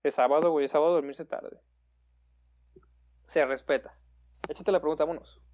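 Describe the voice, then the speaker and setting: A man's voice: a little high, fairly even intonation, normal speed, a little mellow. A man hosting a livestream chat, heavy on slang and joking with his audience. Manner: slangy, says "güey" constantly, joking with viewers. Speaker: livestream host. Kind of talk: casual chat.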